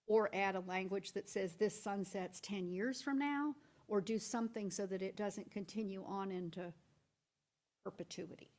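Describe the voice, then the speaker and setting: A woman speaking as a school board member in a meeting room. Her pitch sits in the middle and her delivery is deliberate. She walks through her reasoning with one hypothetical example after another and often restarts her sentences. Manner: explains with step-by-step hypotheticals, frequent restarts. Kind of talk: deliberating at a public board workshop.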